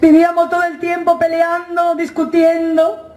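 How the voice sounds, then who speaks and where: A woman's voice: extremely high pitch, completely flat delivery, normal speed, a little mellow, a faint crowd. A woman giving an emotional church testimony in a church hall, often calling her listeners "brother". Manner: keeps addressing listeners as "hermano". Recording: echoey hall with faint noise.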